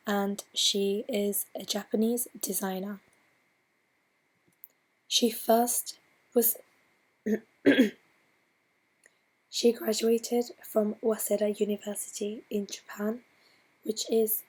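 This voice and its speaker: A woman with a hoarse, breathy voice because she is ill, giving a slide presentation in a slow, halting way and often restarting her phrases. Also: mid-range voice, darkish tone, low-quality recording. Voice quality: breathy, partly whispered. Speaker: student presenter.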